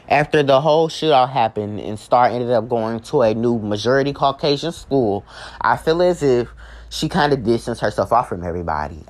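A man giving a casual spoken book report, talking in an informal, rambling way and correcting himself as he goes. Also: on the low side.

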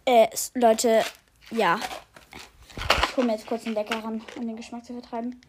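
A young woman chatting casually as a challenge co-host, dramatic and often excitedly repeating herself. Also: fairly high pitch, normal speed, background noise.

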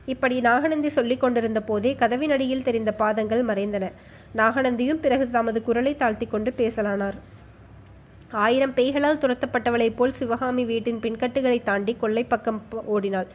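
Female narrator, slightly high voice, emotive dramatic storytelling. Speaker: audiobook narrator. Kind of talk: expressive novel narration.

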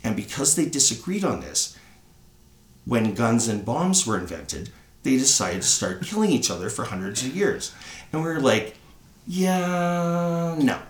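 Very animated yet unhurried, a Canadian man in his thirties rambles on a podcast as co-host, frequently finishing thoughts with "right?" His pitch is medium, and the room sounds spacious.

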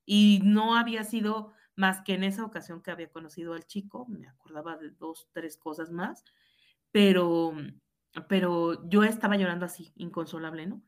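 A woman's voice: fairly low pitch, fairly even intonation, moderate pace. A woman teacher with a Mexican accent, earnestly recounting a personal story in conversation and often ending with a questioning "right?". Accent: Mexican Spanish. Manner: earnest, frequent tag questions, reenacts dialogue. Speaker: high school teacher.

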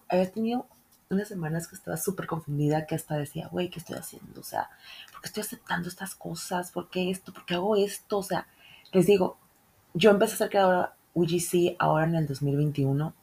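A woman's voice: on the low side, creaky, darkish tone, husky. A young woman from northern Mexico with a northern Mexican accent, hosting a casual solo podcast in a chatty, slangy way. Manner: chatty, slangy, swears freely. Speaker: podcast host.

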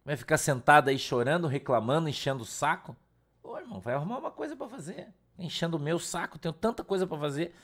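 Pastor from Brazil, male, high and bright-toned, blunt, scolding, slangy preaching. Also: expressive, fast. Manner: blunt, scolding, slangy, mimics whiny congregants. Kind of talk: blunt informal sermon.

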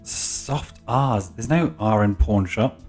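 A man's voice: lowish voice, slow pace, darkish tone, faint music behind. A man with an English accent co-hosting a podcast, teasing his friend dryly and laughing often. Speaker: podcast co-host. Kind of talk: casual chat.

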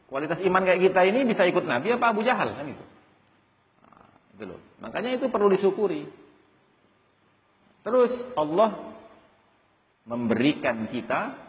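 A man giving a conversational sermon as an Islamic preacher, often addressing listeners as Pak. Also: a little high. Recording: dull audio with long hall reverb.

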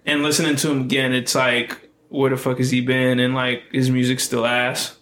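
Casting note: mid-pitched male co-host, blunt and foul-mouthed, casual podcast banter. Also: monotone, moderate pace, a bit bright, a little hiss or hum. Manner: blunt, profane, dismissive opinions. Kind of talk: casual chat.

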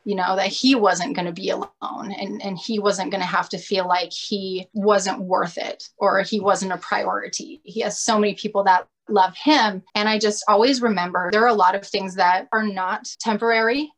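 A woman's voice: medium pitch, steady tone, normal speed, hardly any pauses. A woman podcast co-host telling a personal story in casual chat, candid and confessional, with many "like" fillers. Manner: chatty, many "like" fillers, laughs often.

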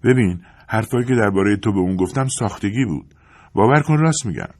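A man's voice: on the low side, expressive, no echo, voice pushed up. A man reading an audiobook, voicing an anxious young wife who pleads and questions urgently in a raised voice. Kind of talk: audiobook character voice.

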